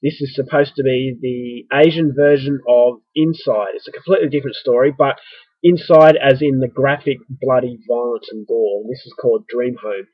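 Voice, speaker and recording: A husky, medium-pitched Australian man vlogs to camera at normal speed with fairly even intonation, chatty, rambling and self-mocking. He sounds a little stuffy, as if catching a cold. The recording is dry and slightly dull, like a modest home setup.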